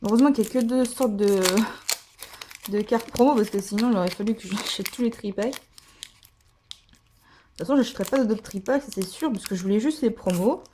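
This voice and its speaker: A woman's voice: a little high, fairly quick, pauses often, background noise. A woman chatting casually as she opens trading card packs, gushing over the cards she pulls, with many fillers. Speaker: card-opening vlogger. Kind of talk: casual pack-opening commentary.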